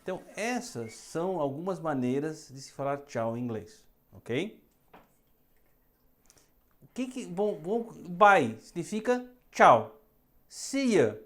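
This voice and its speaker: A woman with a Brazilian accent teaches English phrases, speaking each one slowly so her students can repeat it. Her voice sits low and has a sing-song quality.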